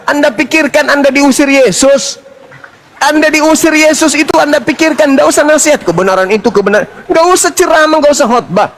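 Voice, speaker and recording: A man arguing hard in a religious debate, mocking and shouting his points while fasting. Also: extremely high pitch.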